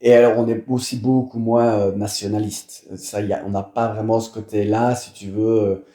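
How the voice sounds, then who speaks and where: A Belgian-accented man from Wallonia talks casually as an interview guest, his tone mellow and dark in timbre. He hesitates often, repeating words and filling pauses. The sound carries a noticeable room echo. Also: fairly low pitch, flat delivery. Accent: Belgian French. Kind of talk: casual conversation.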